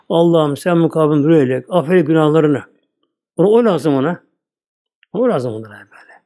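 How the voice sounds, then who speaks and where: A man's voice: fairly high pitch, warm tone. An older man giving a plain, conversational religious sermon, repeating his words often. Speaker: Islamic preacher.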